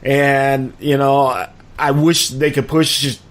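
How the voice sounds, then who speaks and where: A man's voice: mid-range voice, little pitch movement, slow pace. A middle-aged man co-hosting a sports podcast in casual, crude, joking chat full of fillers. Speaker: podcast co-host.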